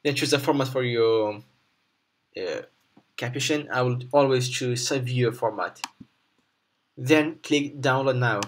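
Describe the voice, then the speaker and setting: Without a script, a man with a mid-range voice walks viewers through a software tutorial. His progress through the on-screen steps is halting, with instructions frequently repeated or put another way.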